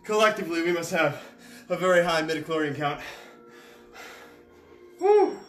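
Energetic fitness coach in an echoey room. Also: mid-range voice, fast talker. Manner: energetic, encouraging, counts down reps; puffs out loud breaths while exercising. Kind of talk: live workout instruction. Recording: echoey room with faint music.

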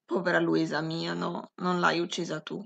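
A sobbing young husband in a storybook reading, tender and shaken, his words broken by tears, read by a woman. The voice carries a gravelly edge throughout. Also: lowish voice, level tone, moderate pace. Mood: grief-stricken.

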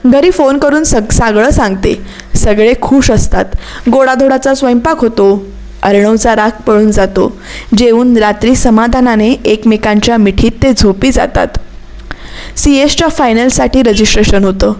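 A woman's voice: on the high side, moderate pace, a little mellow. Woman reading a story aloud. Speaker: story narrator.

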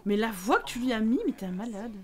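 A woman's voice: a little high, quick pace, a crowd in the background. A woman chatting casually as she streams a life-sim game, teasing the characters and talking to them.

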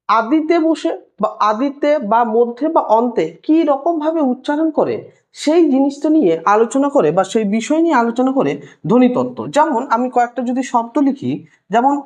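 Lively high-voiced woman teacher. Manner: patient, repeats key terms slowly. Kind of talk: explaining a Bengali language lesson.

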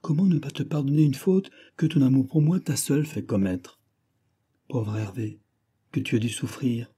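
A man voicing a tender young noblewoman bride, pleading earnestly with her husband in a husky voice. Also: medium pitch, normal speed, dark tone, voice pushed up, natural voice.

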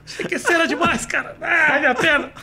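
A man's voice: very high-pitched, fast talker, vocal fry, bright, forceful tone, a little hiss or hum, pitched above the performer's own voice, exaggerated voice. Starstruck young guy fan, hurt but gushing and insistent, as a man puts him on. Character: injured young male fan, starstruck and polite.

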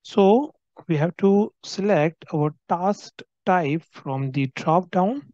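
A man teaches a software tutorial over a screen recording, moving at an unhurried pace with a mellow, fairly high voice. He explains each setting step by step and often tags his points with "right?". The sound is dry and a little dull, as from a basic computer mic. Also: lively intonation, no room sound. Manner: explanatory, frequent tag "right?". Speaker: software trainer.

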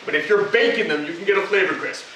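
In his kitchen at home, a male cooking show host walks through each step casually, joking as he goes. He speaks quickly in a high, pushed, bright voice. A camera mic far across the echoey room captures him, along with a little hiss or hum.

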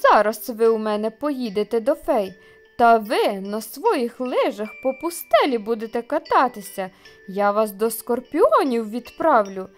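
A woman's voice: fairly high pitch, sing-song, measured pace, soft background music. A woman voicing a grumpy male wolf who schemes but is secretly timid, in a children's storybook. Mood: grumbling. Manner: grumbling, loud.

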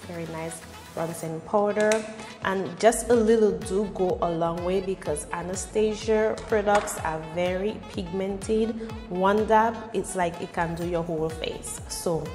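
A woman with a slightly low voice talks casually, like a beauty vlogger telling her story. She is in a reverberant room, picked up from a camera a little way off, with light music behind her. Her delivery is conversational, with phrases repeated for emphasis. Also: unhurried, darkish tone. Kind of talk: casual makeup tutorial with personal storytelling. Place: small bare-walled room indoors.

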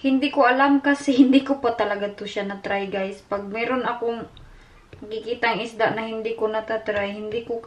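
Chatty high-voiced mom vlogger. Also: female voice, fairly even intonation, a little fast. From Philippines. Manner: chatty, code-switching, exasperated. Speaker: mother and family vlogger. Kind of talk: casual cooking vlog. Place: home kitchen. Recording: echoey kitchen.

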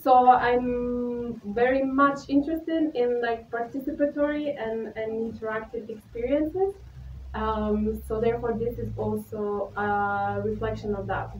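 Young woman, artist talk, halting and filler-heavy, slightly high, dull distant recording. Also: fairly even intonation, slight background noise. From Croatia. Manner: hesitant, many fillers and restarts. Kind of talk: casual public talk. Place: dark gallery room with projector. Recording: echoey room, distant and dull.

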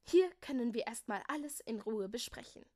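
A woman's voice: fairly high pitch, lively intonation, normal speed, a little mellow. A woman voicing Jakobus, a cheerful, kindly old man character, speaking with pleased emphasis in a storybook reading.

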